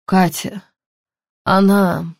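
A woman reading an audiobook, voicing an exhausted, injured working man who speaks in halting, broken phrases, at times barely audible. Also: lowish voice, fairly even intonation, no room sound, clean studio sound. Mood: urgent gasping.

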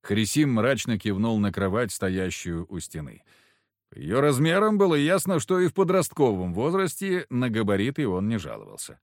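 Expressive male audiobook narrator. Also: lowish voice, normal speed, no room sound, clean studio sound. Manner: expressive, does character voices. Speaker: audiobook reader. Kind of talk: scripted narration.

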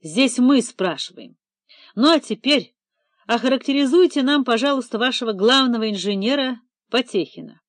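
A woman reading an audiobook, voicing a calm, firm young male police detective who speaks in a measured, curt, official way. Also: a little high, dry recording, studio quality.

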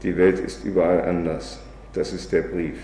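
A man reading aloud as a blunt, unpolitical male sailor, in a flat, plain recitation. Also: deep voice, moderate pace, natural voice. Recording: echoey hall, faint background noise.

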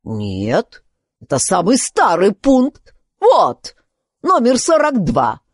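A woman's voice: medium pitch, huge pitch swings, slow, no room sound, studio quality, pitched above the performer's own voice, heavily acted. A woman voicing a fussy, bumbling king who acts as judge in a storybook poem, blustering and pompous. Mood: flustered.

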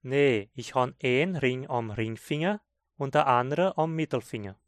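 A man from southern Brazil with a Hunsrik German accent reads a scripted textbook dialogue for a language course. He speaks slowly and clearly in a teaching manner, with a mid-range voice and no echo.

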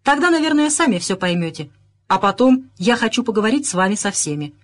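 A woman voicing a gruff, shouting police inspector. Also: medium pitch, very animated, brisk, close to an everyday voice. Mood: commanding. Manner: barking, shouting orders. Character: irate male police inspector, gruff and commanding.

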